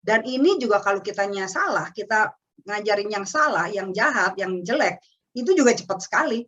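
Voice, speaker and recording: A woman's voice: medium pitch, animated, moderate pace, fairly bright tone. A woman giving an earnest parenting talk to parents over a webinar. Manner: earnest, addresses parents directly. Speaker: parenting speaker.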